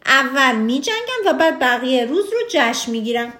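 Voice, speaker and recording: A woman's voice: sits high, big pitch swings, pushed and bright, heavily acted. A woman voicing a proud, stubborn king in a children's storybook, talking in a raised, insistent way. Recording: roomy echo.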